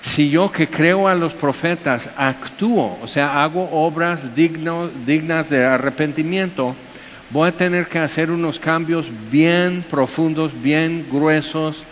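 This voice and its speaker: A lively man delivers a casual, conversational sermon, slipping into squeaky high voices when he acts out other people. His voice sits a little high for a man. It was recorded with a dull, muffled sound, and a long hall reverb lingers behind it. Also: measured pace. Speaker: preacher. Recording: dull echoey hall with faint hiss.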